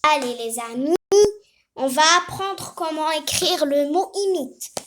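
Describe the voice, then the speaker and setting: A child playing teacher, patiently explaining how to write a letter and often pausing to think mid-sentence. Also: high-pitched, lively intonation, background noise. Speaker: pretend teacher. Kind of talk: playful home lesson on writing letters.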